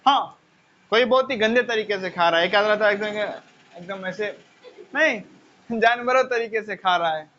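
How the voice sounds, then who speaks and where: Male teacher, high and bright, chatty lecture, muffled lo-fi recording. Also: normal speed, a little hiss or hum. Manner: conversational, rhetorical questions, repeats phrases. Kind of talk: lecture with personal stories. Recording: dull lo-fi sound.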